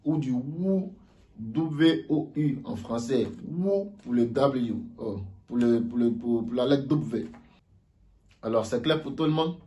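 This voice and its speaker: Man, language teacher, unhurried delivery, repeats each sound, casual lesson. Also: mid-range voice, warm tone. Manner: slow, repeats sounds for learners to copy.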